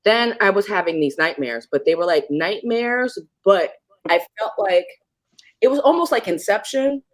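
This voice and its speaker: A female podcast guest relates a ghost story that happened to her, chatting casually at a moderate pace with no room sound. Her telling is animated, with moments acted out through sudden pitch jumps.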